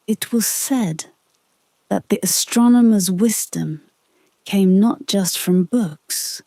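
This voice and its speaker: A woman narrating a scripted bedtime story in a calm, gentle, soothing manner, close to the microphone. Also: mid-range voice, dry recording. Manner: slow, calm, gentle delivery.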